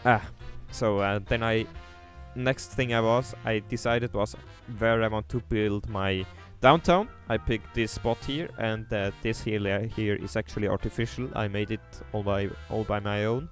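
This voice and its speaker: Soft music plays behind a young Swiss streamer with a Swiss German accent as he talks casually about his city-building game. He reads chat aloud hesitantly, full of fillers and restarts, in a fairly low voice at a moderate pace.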